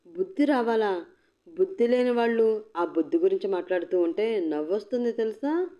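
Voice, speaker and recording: A woman's voice: lowish voice, moderate pace, dark tone, lightly acted. Woman voicing a defiant, cutting young woman. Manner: cutting, mocking, firm. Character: defiant young woman, sharp-tongued and unbowed. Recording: dull lo-fi recording.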